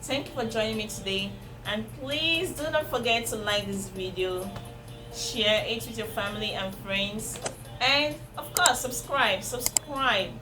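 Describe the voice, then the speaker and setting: At a measured pace and fairly high pitch, a parenting vlogger with a Nigerian accent and native Igbo speaks earnestly to her viewers. She repeats her key points for emphasis while music plays beneath the talk.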